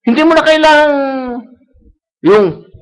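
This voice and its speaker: A man's voice: very high voice, lively intonation, unhurried, low-quality recording. A man preaching a sermon, repeating key phrases and asking the congregation for agreement. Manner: mixes English phrases into Tagalog, repeats key phrases. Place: church service.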